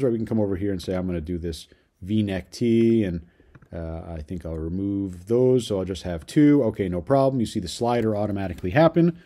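A young adult man walking viewers through a software tutorial in an upbeat way, often tagging his sentences with "right?". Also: medium pitch. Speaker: online business course creator. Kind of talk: screen-share software tutorial.

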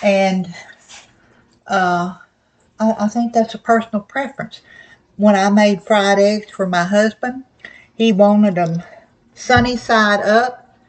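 An older woman with soft, slightly slurred toothless speech, chatting casually to camera in a folksy, plain-spoken, rambling way in her kitchen. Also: mid-range voice, slow pace, pauses often, low-quality recording. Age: older, 60s or above. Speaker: home cooking vlogger. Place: small home kitchen, indoors.

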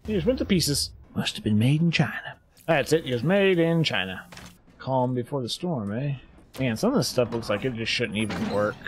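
A gaming channel host jokes his way through let's-play commentary, talking back to the game in a medium-pitched, lively voice at normal speed. Loud gunfire and game ambience play under his voice, along with a little hiss or hum.

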